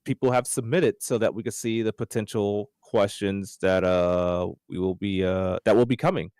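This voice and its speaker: A man co-hosting a casual gaming podcast, rambling and excitable, his voice jumping up high when he jokes. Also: moderate pace, clean tone, dry recording, clean studio sound. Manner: excitable, rambling, jumps up in pitch when joking. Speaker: podcast co-host.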